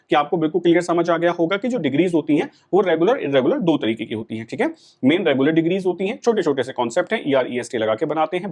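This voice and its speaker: A middle-aged Indian man teaches a class with a lively, swooping voice that sits a little high. He explains patiently and keeps pausing to check that the students follow. His tone is that of a classroom lecture.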